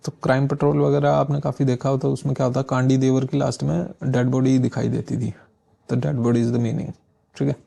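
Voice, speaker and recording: A man teaching English vocabulary in a casual lesson, explaining words with memory tricks and slowly reading out example sentences. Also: medium pitch, flat delivery, creaky, mellow. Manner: often adds filler checks like "theek hai".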